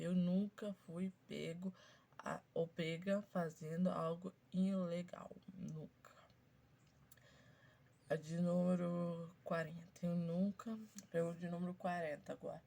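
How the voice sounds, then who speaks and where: A woman in her twenties with a stuffy, congested voice, chatting casually to her viewers as she slowly reads out questions and answers each one briefly. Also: lowish voice, flat delivery, vocal fry, mellow. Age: 20s. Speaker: YouTuber. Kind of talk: casual chat to viewers, reading out a question game.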